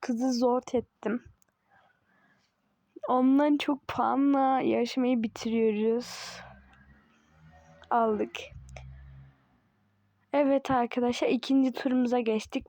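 High-voiced woman chatting over gameplay. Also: warm tone, no room sound. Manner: chatty and teasing, laughs often, talks to herself. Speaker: gaming channel host. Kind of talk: casual gameplay commentary.

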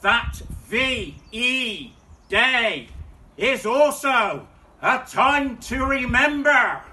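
A British man performing a town crier's cry outdoors, declaiming a loud ceremonial proclamation in short, measured phrases. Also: very high voice, lively intonation. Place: outdoors in a paved back garden. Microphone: phone or camera several metres away.

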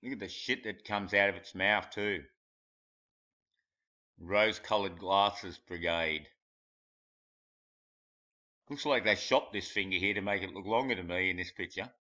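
A man's voice: deep voice, a little slow, pauses often, sharp tone. A man mocking pictures in a rambling, crude commentary, laughing at his own jokes. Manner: crude and blunt. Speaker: conspiracy video commentator. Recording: dull lo-fi home recording.

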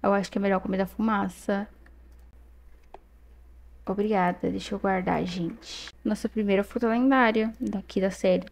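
A young Brazilian woman commenting casually on her gameplay, chatty and excitable, often exclaiming to her viewers at a desk mic. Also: medium pitch, moderate pace, creaky, slight background noise. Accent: Brazilian Portuguese. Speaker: gaming youtuber.

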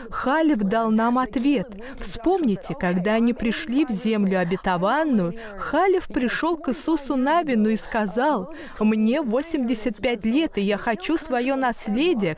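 Higher-voiced woman telling a faith story. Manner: earnest, storytelling voice-over. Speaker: guest minister.

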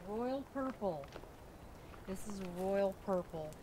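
Gentle, admiring woman outdoors. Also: mid-range voice, animated, takes it slowly. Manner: admiring, gentle, with many fillers. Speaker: garden tour guide. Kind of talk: casual walking tour chat. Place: outdoor botanical garden. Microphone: camera held by companion. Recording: outdoor noise on camera mic.

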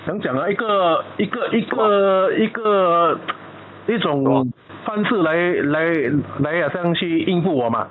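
A man's voice: sits high, a little slow, a crowd in the background. Rambling Malaysian man on tinny phone line. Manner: rambling, loses his thread, many restarts. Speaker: caller talking about his wife. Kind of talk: casual phone chat.

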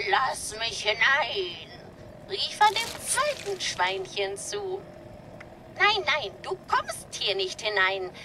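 A woman's voice: very high-pitched, background noise, full character voice. A woman voicing a prim female robot nanny with a slight robotic filter, telling a fairy tale sweetly in video game dialogue. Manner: sing-song, sweetly doting storyteller.

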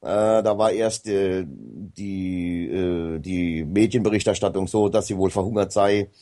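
Man, radio guest, low voice, mellow tone, rambling, hesitant. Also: measured pace. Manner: rambling, hesitant, many fillers. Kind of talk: casual radio talk.

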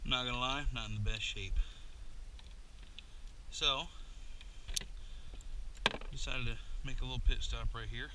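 A man's voice: medium pitch, steady tone, measured pace, pauses often, very noisy. A man chatting in a rambling, self-deprecating way as he paddles a kayak outdoors, recorded on a boat-mounted action camera. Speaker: kayak angler vlogger. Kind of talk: casual narration while paddling.

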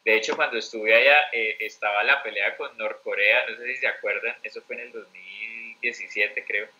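A man's voice: on the low side, fairly even intonation, normal speed, sharp tone, rough recording. A Colombian man telling travel stories as an interview guest, rambling with many fillers and restarts. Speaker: interview guest, mentor teacher. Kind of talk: conversational interview storytelling.

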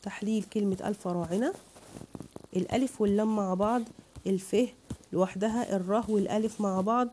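A woman's voice: mid-range voice, fairly even intonation, a little fast, warm tone, a little hiss or hum. A woman with an Egyptian accent teaching a children's lesson online, patiently breaking words into syllables for her pupils. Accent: Egyptian Arabic.

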